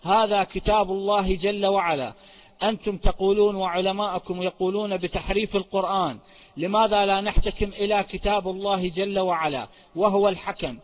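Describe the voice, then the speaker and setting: A man with a fairly high voice argues firmly and insistently in a formal register. His words ring out with a long hall reverb. The sound is dull and lo-fi. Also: fairly even intonation, brisk. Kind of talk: formal debate speech. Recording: muffled recording in a reverberant hall.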